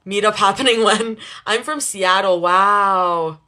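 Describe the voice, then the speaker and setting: A young woman hosting a livestream, chatting casually with viewers, laughing often between quick asides. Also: mid-range voice, sharp tone. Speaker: livestream host reading chat. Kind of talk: casual live chat with viewers.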